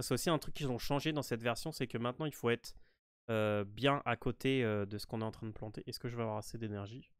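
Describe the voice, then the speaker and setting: A man with a French accent talks through a game walkthrough in a loose, unhurried way, pausing often and restarting his sentences. His voice sits at a middle pitch. The sound is dry and close, with no room echo. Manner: relaxed, hesitant, many fillers and restarts. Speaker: gaming walkthrough host. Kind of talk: casual game walkthrough commentary.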